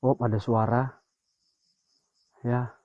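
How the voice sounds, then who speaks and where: Hushed man ghost-hunting at night. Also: mid-range voice, flat delivery, takes it slowly, no echo. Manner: hushed, murmuring tense exclamations and prayers. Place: outdoors among trees at night. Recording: dull lo-fi audio.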